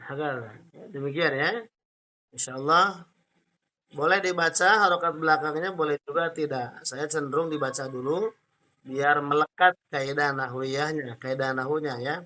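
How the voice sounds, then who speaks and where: A man's voice: on the high side, steady tone, moderate pace, sharp tone. A man with an Indonesian accent teaching an Arabic grammar class, explaining patiently step by step and checking in often.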